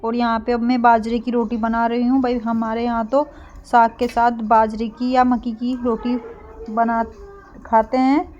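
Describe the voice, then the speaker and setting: A young woman narrating a casual home cooking vlog, speaking softly and getting a bit breathless when she pushes her voice. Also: fairly high pitch, little pitch movement, moderate pace, muffled recording, slight background noise. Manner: soft-spoken, gets breathless when speaking loudly. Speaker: vlogger.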